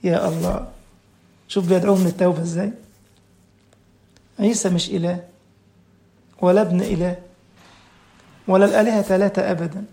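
A man with an Egyptian Arabic accent preaching a sermon, asking his listeners rhetorical questions and reciting scripture slowly and deliberately. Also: high-pitched, flat delivery, dark tone.

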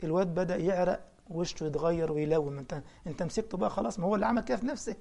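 Middle-aged egyptian preacher guy, talks quick, rough gravelly edge, animated storytelling. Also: high voice. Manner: animated storyteller, acting out dialogue. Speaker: preacher and imam. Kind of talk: storytelling religious talk.

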